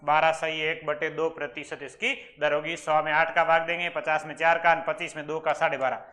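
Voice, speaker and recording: This exam-prep maths lesson comes from a Rajasthani man with a fairly high, sharp voice that barely moves in pitch. He talks briskly, explaining exam questions step by step and answering his own questions.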